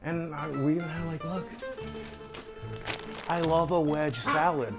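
Walking through the rooms of a house, a middle-aged online video creator gives a tour, talking to camera in a casual, candid, self-deprecating manner. His voice is a little high, level in tone and a little slow, with background music playing behind him indoors.

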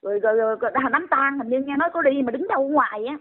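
A woman's voice: high-pitched, rapid-fire. An older woman, scolding and exclaiming in indignant commentary. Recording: tinny phone line.

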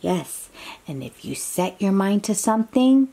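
During a storytime read-aloud for little ones, a woman with a soft-edged, mellow, somewhat creaky voice takes her time, her pitch rising and falling with animation. She sounds encouraging and exclaims often, asking the child questions and dropping in chatty asides.

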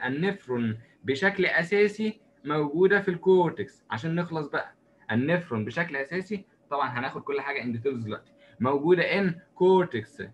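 A man with an Egyptian accent giving a recorded lecture, drawing as he goes and asking and answering his own questions in a lively, joking way. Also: on the high side, dull audio, slight background noise. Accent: Egyptian Arabic. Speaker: medicine lecturer.

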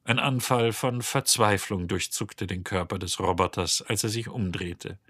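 Low, husky man narrating an audiobook; measured reading, dry close recording. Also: fairly bright tone, dry recording. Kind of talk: scripted narration.

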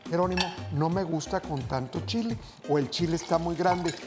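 A man's voice: a little high, moderate pace. A middle-aged man hosting a TV cooking show, chatting to viewers as family while he explains each step. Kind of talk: TV cooking demonstration. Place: TV studio kitchen set. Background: background music.

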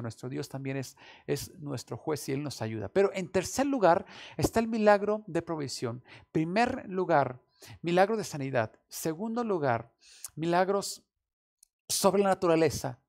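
Guy preaching, kinda gravelly voice, earnest, lots of restarts and fillers. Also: high voice. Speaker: pastor. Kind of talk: sermon. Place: small room, recorded without an audience.

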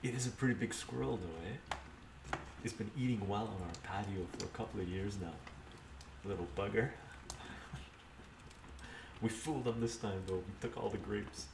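Long pauses break up this older man's fairly low, fry-tinged speech, delivered at a normal pace. He runs a home-kitchen cooking stream, narrating every step, reading chat and talking casually as he cooks. The sound is roomy and noisy, captured by a camera mic set some distance away.

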